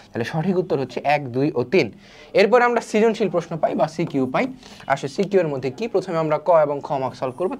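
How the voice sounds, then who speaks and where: Young male teacher, rapid lecture delivery with rhetorical questions. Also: medium pitch. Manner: quick, lively explaining with many rhetorical questions. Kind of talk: online class lecture.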